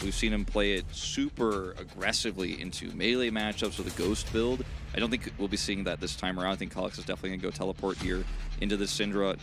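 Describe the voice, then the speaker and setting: A man's voice: low voice, gravelly, noisy background. A man giving analytical color commentary on an esports match, drifting into playful banter with his co-caster. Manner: analytical, breaks into playful chat. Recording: music bed under commentary.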